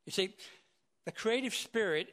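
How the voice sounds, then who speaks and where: A man preaching a sermon in short phrases, pausing so an interpreter can translate. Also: high-pitched, lively intonation, fairly bright tone.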